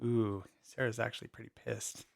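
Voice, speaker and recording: A man's voice: mid-range voice, flat delivery, normal speed, gravelly, no echo, studio quality. A man narrating as game master of a tabletop role-playing game, laughing easily and slipping into character voices.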